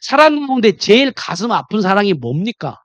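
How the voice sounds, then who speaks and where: Male pastor, animated sermon voice, dry close sound, shifts from emphatic to hushed. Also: a little fast, no room sound. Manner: animated, quizzes the congregation directly; swings from loud emphatic to low confiding tones.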